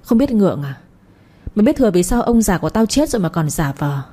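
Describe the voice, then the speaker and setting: Woman reading a vengeful village man, hard quick threats, dark husky voice. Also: mid-range voice, lively intonation. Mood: threatening. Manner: threatening, fast and angry. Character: grieving vengeful young village man Lập.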